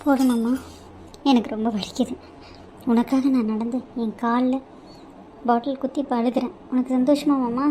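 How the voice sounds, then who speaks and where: A tearful young wife, voiced by a woman in a homemade animated cartoon, pleading and reproachful. Her voice sits high and mellow, and a faint hum of background noise sits under it. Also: normal speed, pauses often, close to an everyday voice.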